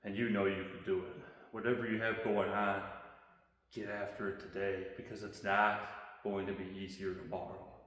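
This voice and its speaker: A man's voice: fairly low pitch, level tone, moderate pace, fairly bright tone. A man giving an earnest motivational talk while exerting himself on a weighted stair climb. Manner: earnest, pep-talk delivery. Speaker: fitness challenge host. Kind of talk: motivational talk to camera during a workout. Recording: very echoey hall with long reverb.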